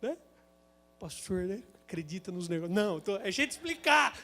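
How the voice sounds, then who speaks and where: A man with a Brazilian Portuguese accent preaching a sermon, telling a comic personal story in an animated, dramatic way. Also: high voice, fairly quick, vocal fry. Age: adult, married with a son.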